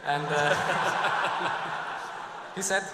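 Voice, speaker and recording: A man's voice: fairly high pitch, steady tone, very slow, reverberant, long reverb tail, very noisy. A man speaking as a racing driver in a casual interview, playful and laughing often.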